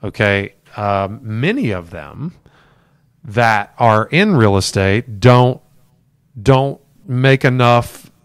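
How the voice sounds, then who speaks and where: A man's voice: fairly low pitch, expressive, takes it slowly, clean tone, no echo, clean studio sound. A middle-aged man leading a real estate team, giving a live-streamed talk to new agents in a conversational, emphatic way and repeating his key points. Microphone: camera for a livestream.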